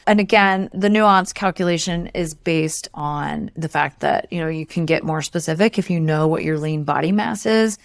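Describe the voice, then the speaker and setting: A woman co-hosting a podcast, calmly explaining protein and calorie math step by step. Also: low-pitched, moderate pace, creaky, few pauses, no echo, clean studio sound. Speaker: podcast co-host, nutrition expert. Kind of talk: casual explanatory chat.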